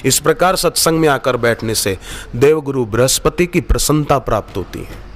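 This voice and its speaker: A man's voice: mid-range voice, lively intonation, moderate pace. A man giving a devotional sermon at an ashram gathering, quoting Sanskrit verses and acting out bits of dialogue as he tells stories. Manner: storytelling, quotes Sanskrit verses, acts out dialogue. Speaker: spiritual teacher.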